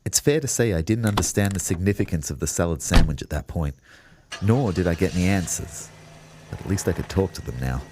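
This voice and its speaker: Playing an exasperated young ghost in his own audio drama, an Australian actor both narrates in the first person and performs the dialogue. His low voice is expressive and brisk, delivered wryly over a noisy background.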